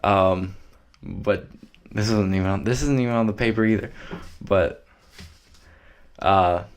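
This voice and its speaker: A young man with a lowish voice talks on his own podcast. He rambles, swears freely and keeps it offhand and loose. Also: fairly even intonation, a little slow, clear, resonant tone. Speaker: podcast host.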